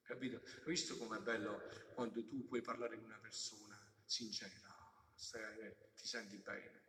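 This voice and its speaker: A man's voice: lowish voice, level tone, moderate pace, fairly bright tone. A man, a friar, preaching a homily in an emphatic, fatherly way, with casual asides to the congregation. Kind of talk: sermon. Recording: echoey hall, distant mic.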